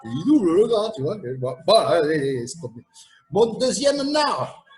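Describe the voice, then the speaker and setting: A man's voice: a little high, big pitch swings, moderate pace, darkish tone, soft background music, low-quality recording. A man hosting a casual quiz game, playful and teasing, chuckling at his own riddles. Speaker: host of a live quiz game.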